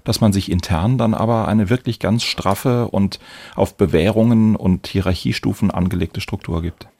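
A man's voice: fairly low pitch, normal speed, a little mellow, dry recording. A man co-hosting a podcast, summarizing a case and asking pointed follow-up questions. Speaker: podcast co-host, journalist. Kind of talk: conversational podcast interviewing.

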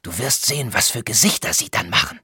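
A man doing a frail young student laid up with fever, his voice thin, breathy and hushed, as if talking from a sickbed. The tone is bright and edgy, and the sound is close and dry, with no room around it. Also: on the low side, lively intonation, fairly quick, no room sound, voice pushed up, heavily acted. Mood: uneasy. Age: young adult. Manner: weak, half-whispered, uneasy. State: breathy and weak. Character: sickly feverish young male art student.

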